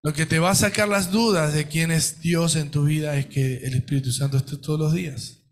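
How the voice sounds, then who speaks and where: A man's voice: on the high side, steady tone, a little fast. A man with an Argentine Spanish accent, a pastor delivering a sermon, asking rhetorical questions and acting out quoted voices. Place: church.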